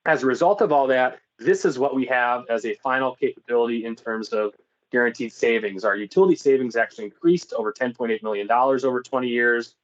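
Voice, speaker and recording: A man's voice: medium pitch, fast talker. Man presenting conversationally on muffled audio. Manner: explanatory, conversational. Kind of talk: informal webinar business presentation.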